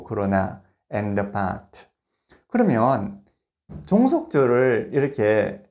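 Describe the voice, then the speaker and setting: A man giving a recorded grammar lecture, explaining step by step, posing rhetorical questions, and slowing down to spell out examples. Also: medium pitch, darkish tone. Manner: slows to spell out words and examples.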